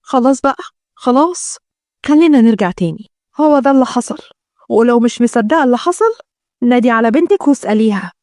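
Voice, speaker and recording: A woman with an Egyptian Arabic accent narrating a comic family story in a lively, brisk way. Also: on the high side, dry recording, clean studio sound.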